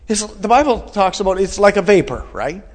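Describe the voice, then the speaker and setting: A man's voice: high voice, lively intonation, a little fast. A man in his forties preaching a sermon in an earnest, repetitive way, asking his listeners questions. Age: 40s. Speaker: pastor.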